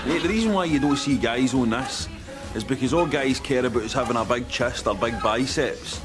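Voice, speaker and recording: An actor playing an earnest, irritated young Scottish gym-goer defending himself in a TV comedy sketch. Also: male voice, medium pitch, a little fast, music in the background, close to an everyday voice. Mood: defensive. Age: young adult.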